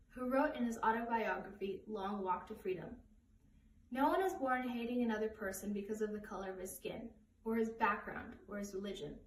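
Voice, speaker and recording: Echoey, distant young girl giving a speech. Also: medium pitch. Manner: formal recitation. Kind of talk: prepared persuasive speech. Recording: roomy, distant mic with faint noise.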